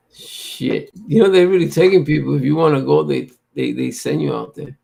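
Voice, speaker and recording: A man's voice: fairly high pitch, a little slow, creaky, mellow. A man in casual chat as a guest, making blunt, terse remarks.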